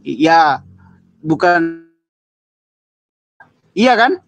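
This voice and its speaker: A man's voice: fairly high pitch, lively intonation, drawn-out words. A man taunting his opponent in a religious debate, mocking and laughing.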